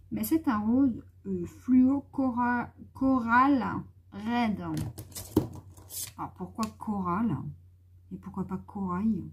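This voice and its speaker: A woman's voice: on the high side, husky, lo-fi sound. A woman chatting casually in a haul vlog, thinking aloud as she tests colors and talking familiarly to her viewers. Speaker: YouTuber presenting art markers.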